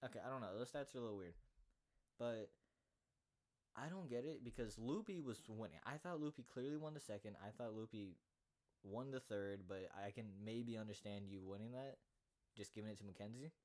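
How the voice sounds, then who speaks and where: A man's voice: on the low side, brisk, darkish tone. A young man hosting an MMA recap, ranting heatedly and indignantly with casual swearing. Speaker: MMA podcaster.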